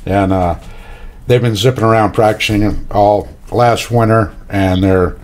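A middle-aged man hosts an interview from home, speaking into a headset. His voice is on the low side, and he rambles along easily with many uhs. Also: fairly even intonation, a little slow. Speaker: podcast host. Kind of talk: video call interview. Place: home room, indoors.

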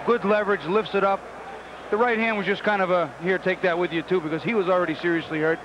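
A man's voice: high-pitched, steady tone, quick pace. A man giving technical replay commentary as a boxing colour analyst. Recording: noisy, dull old TV broadcast tape.

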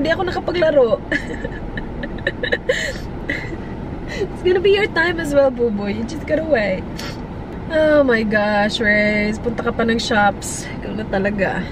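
A woman, a mother chatting emotionally in a casual vlog. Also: on the high side. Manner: emotional, chatty, mixes English and Tagalog. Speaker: mother and vlogger. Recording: loud car and street noise.

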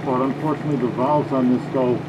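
A man speaking through a full face mask, half yelling and thinking aloud as he tests a product. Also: medium pitch, fairly even intonation, quick pace. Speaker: product tester. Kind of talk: casual product test. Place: indoor room with air conditioning. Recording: muffled, with loud air conditioning hum.

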